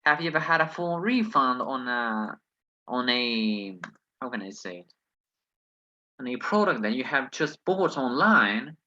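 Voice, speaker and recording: Non-native guy teaching english, bright voice, keeps saying well while he thinks, kinda dull lo-fi audio. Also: mid-range voice, animated, a little slow. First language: not English. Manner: hesitant, thinks aloud, many "well"s. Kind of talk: online lesson, working through exercises aloud.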